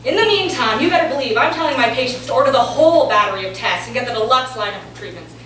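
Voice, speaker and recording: A woman's voice: fairly high pitch, lively intonation, quick pace, fairly bright tone. A woman playing a brash, evasive oncologist in a staged play, with an emphatic, theatrical delivery. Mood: irate, impatient. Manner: theatrical, emphatic, switching to stiff medical jargon. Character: brash, foul-mouthed woman oncologist, evasive and clinical with patients. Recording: very echoey room, distant mic, faint noise.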